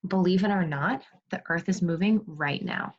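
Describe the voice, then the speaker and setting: A woman with a lowish voice speaks at normal speed while hosting an interactive read-aloud for second graders over video call. She instructs, questions, and praises her pupils, and the audio is dull and lo-fi.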